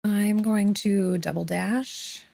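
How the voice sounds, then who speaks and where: A woman's voice: mid-range voice, fairly even intonation, slow pace, creaky, mellow. A woman chatting casually and playfully as a player in a tabletop role-playing game.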